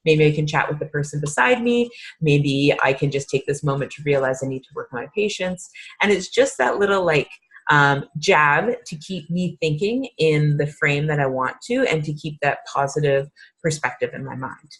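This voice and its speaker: A woman's voice: low-pitched, animated, normal speed, slightly rough. A woman in her thirties, a fitness coach, leading a casual, upbeat workshop talk with lots of fillers. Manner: chatty, upbeat, filler-heavy.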